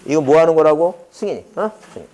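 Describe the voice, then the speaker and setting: A man's voice: a little high, fast, dark tone. A man lecturing a law exam class, firing rhetorical questions and answering them himself while repeating key terms.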